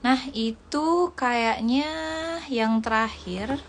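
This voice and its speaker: A woman's voice: a little high, extremely slow. A woman teaching English words on a casual livestream, repeating each word and explaining it, her voice dry and cracking. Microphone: phone livestream. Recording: faint background noise.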